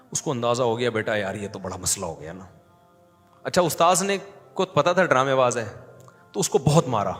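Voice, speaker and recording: A male religious scholar delivering a sermon as lively, joking storytelling. His voice sits at an ordinary middle pitch. It rings with a long hall reverb over faint background music.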